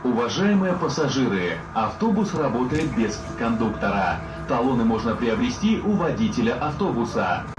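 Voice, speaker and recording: A man reading formal passenger notices, played over a bus PA loudspeaker. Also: mid-range voice, big pitch swings, lo-fi sound, over music. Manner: formal, deliberate announcing. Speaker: bus service announcer. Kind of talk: prerecorded transit announcement. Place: inside a moving city bus. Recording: echoey, distant, noisy bus interior.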